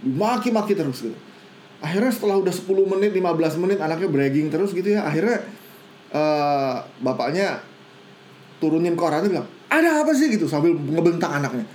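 A man's voice: fairly high pitch, fairly quick, a little mellow, slight background noise. A man preaching a sermon, telling stories casually and mixing in English phrases.

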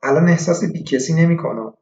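A woman's voice: low-pitched, a little mellow, pitched above the performer's own voice. A man doing a pious lonely old widow. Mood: weary. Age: older. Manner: sighing, fatalistic, calls the doctor son. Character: elderly widowed woman patient, pious and lonely. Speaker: psychiatric patient. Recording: echoey room, dull lo-fi.

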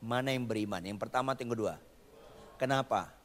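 A man preaching a lively sermon, quizzing his congregation and tossing in jokey asides, in a church hall. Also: mid-range voice, brisk. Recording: long reverb of a church hall.

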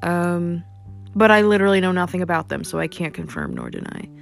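A woman's voice: fairly low pitch, huge pitch swings, fairly quick, creaky, faint music behind. A young woman hosting a casual solo podcast, rambling with lots of fillers and casual swearing. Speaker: podcast host.

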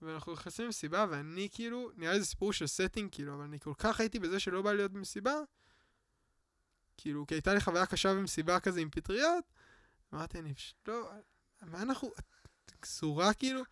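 High-voiced man telling a rambling story. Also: animated, no echo, clean studio sound. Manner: rambling, full of filler words, acts out shouted quotes. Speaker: guest telling personal stories. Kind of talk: casual storytelling chat.

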